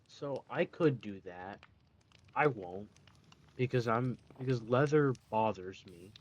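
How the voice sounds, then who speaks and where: A man's voice: lowish voice, animated, slow pace, highs cut off, slight background noise. A man giving casual gameplay commentary, rambling, correcting himself mid-sentence and dropping sarcastic asides. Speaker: let's play gamer.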